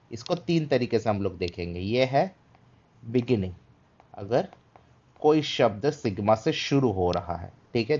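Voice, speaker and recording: A man's voice: fairly low pitch, a little mellow. A man teaching Greek letters in a livestreamed lesson, patiently switching between Hindi and English and checking in often with listeners. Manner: patient, repeats "ठीक है" to check understanding; mixes Hindi with English phrases. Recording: dull lo-fi stream audio.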